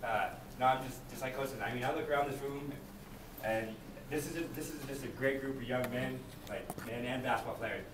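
A man's voice: medium pitch, fairly quick. A man in his early twenties, a college basketball player giving an earnest, rambling pep talk full of fillers, recorded by a camera in a locker room. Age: early 20s. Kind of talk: impromptu pre-game pep talk. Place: small team locker room. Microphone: handheld camera a few steps away. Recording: echoey distant camera mic, noisy.

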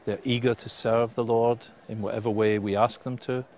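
A man's voice: medium pitch, little pitch movement, normal speed, darkish tone. A middle-aged man, the school chaplain, speaking sincerely in an interview outdoors, with small restarts. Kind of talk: earnest interview testimony. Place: outdoors in front of greenery.

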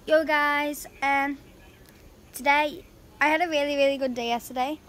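A woman's voice: sits high, fairly even intonation, moderate pace, fairly bright tone. A young woman, weak after surgery, speaking casually as a patient keeping a video diary from her hospital room. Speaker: patient vlogger recovering from surgery. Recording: noisy hospital room recording.

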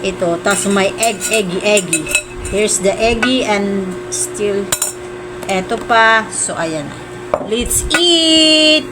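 A Filipino mukbang host speaks slowly in a mid-range voice, chatting as she eats and humming with pleasure over each bite. Dishes clatter in the noisy room around her.

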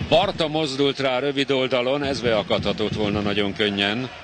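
A man giving live football match commentary as the commentator, with excited bursts. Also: mid-range voice. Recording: clear stadium noise behind.

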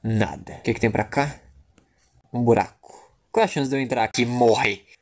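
A man's voice: medium pitch, normal speed. A man with a Rio Grande do Sul accent giving joking, crude, jittery Let's Play commentary from home. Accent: southern Brazilian, Rio Grande do Sul. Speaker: gaming YouTuber.

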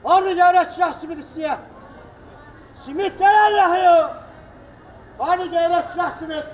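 A man in his sixties from Turkey calling out his wares as a street vendor in a melodic shout. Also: extremely high pitch, unhurried. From Çorum, Turkey. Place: outdoor street market. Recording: busy outdoor market crowd and traffic.

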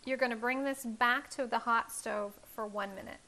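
A woman's voice: on the high side, fairly even intonation, moderate pace, sharp tone. A woman in her thirties hosting a home cooking show, explaining each step in a friendly instructional way from her kitchen on a lapel mic. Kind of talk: cooking demonstration.

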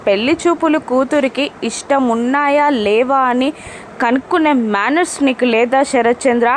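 A woman voicing an angry young man who scolds and shouts at the woman he left. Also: sits high, normal speed, slight background noise, natural voice. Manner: harsh, scolding, shouted lines.

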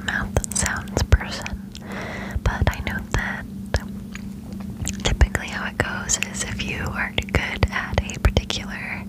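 A woman in her twenties whispering softly as if telling a secret, in ASMR chit chat very close to a microphone, repeating words for effect. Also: measured pace, rough recording. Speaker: ASMR video host. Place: small bedroom, on the bed. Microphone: large desk microphone, very close.

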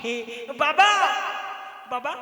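A man with a Rajbanshi dialect playing an excitable rustic village son in a comic folk stage drama, shouting and exclaiming. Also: extremely high pitch, slow pace, heavy background noise, heavily acted. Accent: Rajbanshi North Bengal dialect. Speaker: folk theatre actor. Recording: echoey live stage with loud music.

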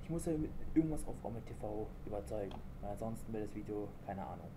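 With background noise in the mix, a roughly twenty-one-year-old vlogger banters playfully with strangers on a video call via webcam or computer mic. He talks fast in a lowish voice with lively intonation, full of slang and teasing.

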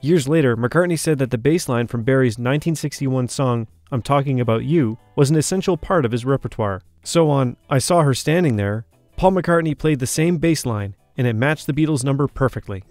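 A man's voice: medium pitch, brisk, a little mellow, no room sound, soft background music. A man reading a scripted documentary narration, shifting his emphasis from phrase to phrase.

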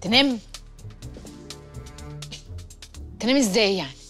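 A woman with an Egyptian accent playing a bossy, irritable young working wife in a comic film scene, with a demanding, sharp manner. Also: mid-range voice, animated, racing, husky, soft background music. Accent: Egyptian Arabic. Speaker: film actress.

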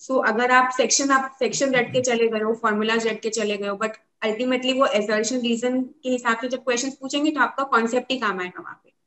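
A young woman in her twenties, her voice a little high, giving earnest advice as a guest. The sound is roomy and echoing. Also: steady tone, normal speed, a bit bright. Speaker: interview guest, exam topper. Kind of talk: interview in Hindi mixed with English.

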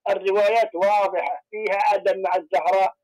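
A man, a sheikh calling in, arguing his religious position in measured, formal speech. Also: high voice, little pitch movement, darkish tone, poor audio. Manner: measured, formal classical phrasing. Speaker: caller, sheikh.

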